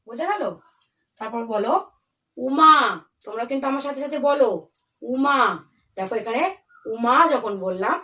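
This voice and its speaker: A woman teaching young children the consonants, reciting letters and rhymes slowly and carefully in a drawn-out sing-song. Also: a little high, fairly bright tone, far from the mic. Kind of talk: children's alphabet lesson.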